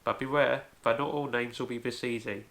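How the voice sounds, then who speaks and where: A man's voice: mid-range voice, steady tone, brisk, a bit bright. A man hosting a home-made language tutorial, explaining carefully step by step and often starting with "so". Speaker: language video host.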